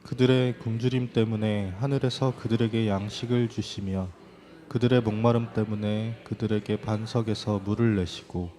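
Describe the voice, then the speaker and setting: A man reading scripture verses aloud in a steady, measured way. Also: lowish voice.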